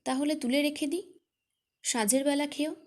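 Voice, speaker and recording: Lady doing a sweet little girl, gentle and coaxing, pitched up high, storybook. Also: steady tone, moderate pace, close to an everyday voice. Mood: caring. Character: earnest, caring ten-year-old girl.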